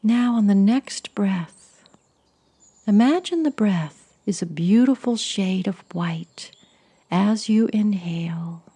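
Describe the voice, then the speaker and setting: A woman leading a guided meditation in a soft, soothing, breathy voice that often sinks close to a whisper. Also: mid-range voice, lively intonation, slow pace. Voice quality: breathy, husky.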